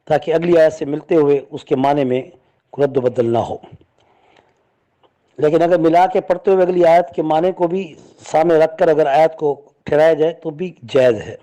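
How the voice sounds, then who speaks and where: A man's voice: fairly high pitch, warm tone. A man, a religious scholar, giving a patient step-by-step lesson and explaining points with spoken examples.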